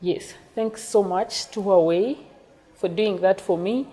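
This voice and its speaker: A woman's voice: medium pitch, slow, warm tone. A young woman with a Ugandan accent, from western Uganda, speaking earnestly and gratefully in a documentary interview about her engineering career. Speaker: network engineer.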